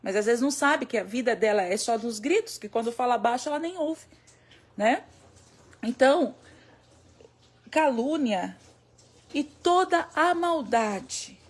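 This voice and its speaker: A woman's voice: fairly high pitch, lively intonation, a little slow, pauses often. Emphatic woman pastor preaching. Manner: emphatic, repeating phrases, acting out quoted prayers. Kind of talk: sermon on a live stream.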